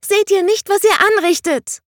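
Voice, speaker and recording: A woman reading an audiobook, voicing a young girl with a high, pleading and defiant voice. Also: normal speed, no room sound, studio quality. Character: frightened young girl with great power.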